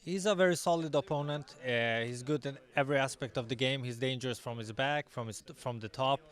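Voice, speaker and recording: A confident young man, an MMA fighter giving a sports interview in halting English with repeated words. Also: mid-range voice. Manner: confident, self-assured. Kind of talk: post weigh-in sports interview.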